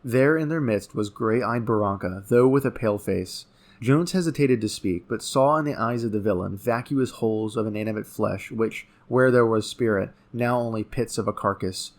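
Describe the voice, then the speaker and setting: Low-voiced man declaiming dactylic verse. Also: normal speed. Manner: declaiming in rolling, metrical dactylic rhythm. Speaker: narrator. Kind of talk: dramatic recitation of epic verse in dactylic hexameter.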